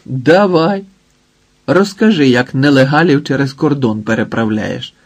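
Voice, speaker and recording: A brash young man, loud and insolent, with a slightly husky edge, voiced by a male narrator. He scolds with easy contempt. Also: mid-range voice, expressive, a little slow. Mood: angry, scolding.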